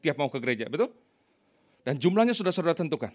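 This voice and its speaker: A man preaching a sermon to his church congregation, telling stories in a lively, animated way. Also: fairly high pitch, fast talker. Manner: animated storytelling, addressing the congregation. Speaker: pastor.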